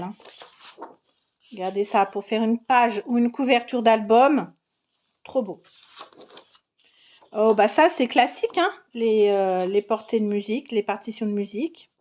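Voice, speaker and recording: A woman's voice: medium pitch, moderate pace, darkish tone. A woman casually showing scrapbooking supplies on camera, chatty and enthusiastic, with frequent fillers and restarts. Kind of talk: casual product show-and-tell.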